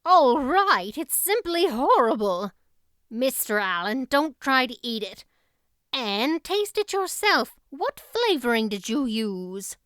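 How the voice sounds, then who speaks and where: A woman's voice: sits high, sing-song, fairly bright tone, clean tone, no room sound, clean studio sound, heavily acted. Woman acting a stern, scolding older woman. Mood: horrified scolding. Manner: brisk, scolding, emphatic. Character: stern, blunt, exasperated older woman guardian.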